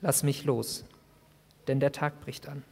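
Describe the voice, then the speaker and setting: Casting: preacher doing a calm divine male stranger, measured and quiet, long hall reverb. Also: mid-range voice, voice pushed down, lightly acted.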